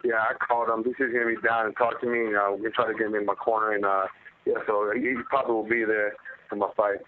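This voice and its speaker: A man's voice: on the low side, level tone, rapid-fire. A man, a professional fighter, chatting casually and slangily as he answers questions on a media conference call over the phone. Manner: slangy, repetitive, conversational. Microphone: telephone. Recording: narrow phone line with faint noise.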